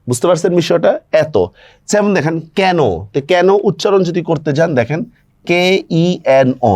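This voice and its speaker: A man's voice: a little high, darkish tone, no echo. Man teaching a grammar lesson. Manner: explains step by step, checking understanding with rhetorical questions. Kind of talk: online grammar lecture.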